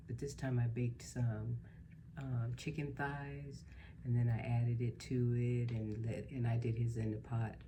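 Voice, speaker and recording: Middle aged lady w really deep voice, chatty storytime vlog, noisy background. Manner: chatty, animated when quoting people. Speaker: mukbang vlogger.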